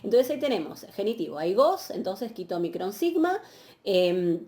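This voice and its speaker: Woman teaching a class, mellow warm voice, patient, lots of ums and checking in. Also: medium pitch, very animated, normal speed. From Argentina. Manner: patient, explanatory, frequent checking questions and fillers. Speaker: university Greek teacher. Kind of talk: recorded online lecture.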